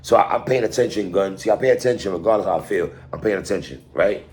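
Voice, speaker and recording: Low-pitched and darkish, this man from New York City is a fast talker with a New York accent. His casual hip hop album review is slangy, emphatic and repetitive, aimed straight at the artist.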